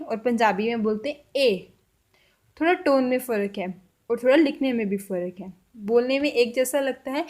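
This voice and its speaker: Language teacher: woman, high pitch, slow careful repeats of example lines. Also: darkish tone. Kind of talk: spoken language lesson.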